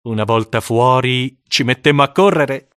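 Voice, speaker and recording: A man narrating a first-person story for an audiobook, with dramatic, expressive storytelling. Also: medium pitch, normal speed, no room sound, studio quality.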